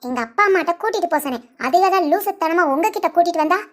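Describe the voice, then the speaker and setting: A woman's voice: extremely high pitch, animated, fast. A woman voicing an old woman who lost her memory and acts like a young girl, whiny and demanding. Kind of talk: cartoon voice acting.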